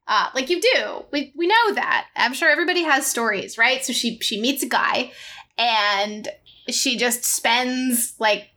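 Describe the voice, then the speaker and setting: A woman's voice: fairly high pitch, lively intonation, unhurried, pushed and bright. A woman co-host enthusiastically discussing a movie, speeding through points and mimicking the characters. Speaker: film podcast co-host.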